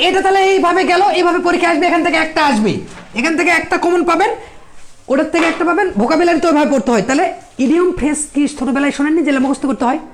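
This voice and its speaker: A woman with a Bangladeshi Bengali accent teaching English at a coaching class, firing quick rhetorical questions at her students. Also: very high voice. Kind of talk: classroom lecture.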